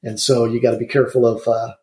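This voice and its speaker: A man's voice: medium pitch, flat delivery, a little mellow, reverberant. A man, an insulation contractor telling rambling stories as a guest in a casual interview. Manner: chatty, rambling, quick storyteller.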